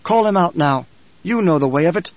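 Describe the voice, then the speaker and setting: A man's voice: a little high, animated, brisk, dry recording. A man voicing a proud, enraged male emperor who barks and sneers. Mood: scheming. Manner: barking, sneering, shouting. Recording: dull, dry studio recording.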